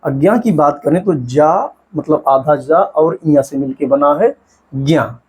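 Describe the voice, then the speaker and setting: A man teaching an exam-prep lesson, asking questions and answering them himself, and sounding out syllables slowly. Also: a little high, darkish tone, slightly rough.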